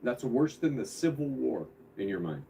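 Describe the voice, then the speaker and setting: A man's voice: mid-range voice, big pitch swings, normal speed, gravelly, mellow, slight background noise. A man heard over a phone or video call, hosting and questioning his parents in a casual family argument, with probing, incredulous questions. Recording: dull, distant call audio.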